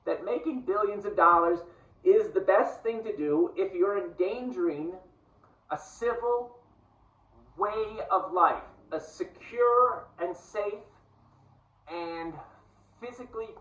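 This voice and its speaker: A man from New shares his thoughts in an earnest, rambling vlog. His voice sits high and sounds bright. He is a little away from the mic, in a roomy space with a dull, lo-fi sound. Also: takes it slowly, long pauses, distant mic. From United States. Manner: musing, digressive, earnest. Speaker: vlogger. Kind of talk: casual monologue to camera.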